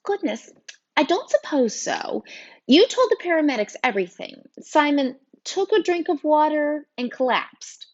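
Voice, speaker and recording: A woman voicing a fussy, flustered older woman teacher in an audiobook, in a breathy, fluttery manner. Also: high-pitched, very animated, unhurried, muffled recording, voice pushed up.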